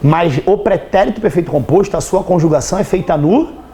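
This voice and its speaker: A slightly hoarse Brazilian man teaching a grammar class in a fairly high voice, chatty and teasing. He keeps asking his students whether they followed, with a faint hiss of noise behind him. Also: a little fast, warm tone. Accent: Brazilian Portuguese. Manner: chatty, teasing, constantly checks understanding. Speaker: Portuguese teacher. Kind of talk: live online class.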